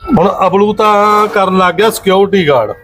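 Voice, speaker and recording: Teasing high-voiced man. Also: moderate pace, over music. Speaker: actor in a village comedy skit. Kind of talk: scripted rural skit dialogue.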